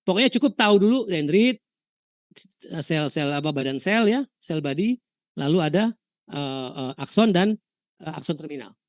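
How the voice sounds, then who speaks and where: Woman lecturer from indonesia, lively storytelling, rhetorical questions, dry close sound. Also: low voice, moderate pace, long pauses, no room sound. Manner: mixes English terms into explanation. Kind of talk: university lecture.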